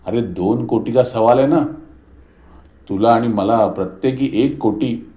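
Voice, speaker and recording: A man's voice: medium pitch, measured pace, mellow, close to an everyday voice. A man voicing a greedy younger son who talks eagerly and coaxingly. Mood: gleeful. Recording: roomy echo.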